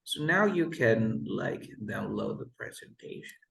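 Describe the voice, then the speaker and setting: A man's voice: lowish voice, huge pitch swings, creaky, a bit bright. Man teaching English. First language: Spanish. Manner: patient, explains pronunciation slowly. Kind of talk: online one-on-one lesson. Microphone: video call. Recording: roomy echo.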